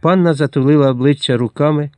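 Чоловік розповідає художній текст рівно й виразно. Голос трохи вищий за звичайний чоловічий, а запис сухий і близький, без відлуння. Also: male voice, a little high, fast, darkish tone, no echo. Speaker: audiobook narrator. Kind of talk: scripted narration.

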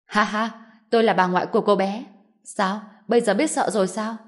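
A woman's voice: mid-range voice, a little fast, a little mellow, lightly acted. A woman voicing a cruel, arrogant middle-aged grandmother who scolds and sneers shrilly in a storybook. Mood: haughty.

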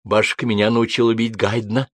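A man's voice: lowish voice, flat delivery, fairly quick, fairly bright tone, dry recording. A man voicing an eager, proud young woman.

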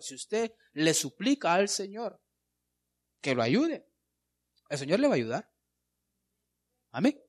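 A man's voice: on the high side, slightly rough. A man preaching a sermon, emphatic and constantly addressing his listeners as brother.

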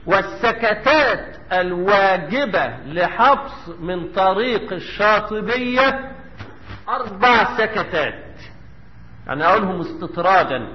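A man's voice: high-pitched, moderate pace, in a large hall, dull audio. A man with an Egyptian Arabic accent teaching a tajweed lesson, quizzing the class and answering his own questions. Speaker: Quran recitation teacher. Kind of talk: tajweed lesson with chanted recitation.

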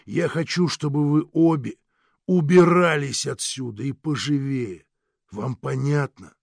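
A man's voice: mid-range voice, a little slow, vocal fry, darkish tone, dry recording, studio quality. A man voicing a rude, fed-up teenage boy in an audiobook. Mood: angry. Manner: blunt, rude.

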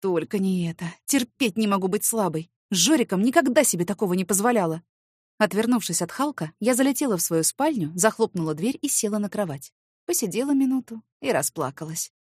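Animated woman narrating a novel. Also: mid-range voice, a little fast, husky, no room sound, studio quality. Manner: expressive, animated reading. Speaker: audiobook narrator. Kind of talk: first-person novel narration.

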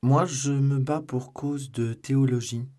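A man voicing a refined, churchly musketeer in an audiobook, speaking in a measured way. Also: mid-range voice, fairly even intonation, warm tone, voice pushed up, close to an everyday voice.

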